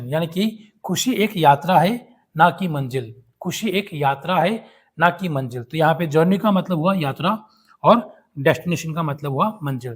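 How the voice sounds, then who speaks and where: A young man teaching English vocabulary, reading each example sentence slowly and twice before explaining it. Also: on the high side, husky. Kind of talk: vocabulary lesson.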